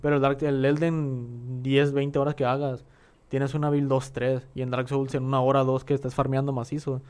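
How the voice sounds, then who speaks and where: A man's voice: medium pitch, level tone, normal speed, darkish tone, clean tone. A young man with a northern Mexican accent, chatting casually about video games in slangy, profane speech.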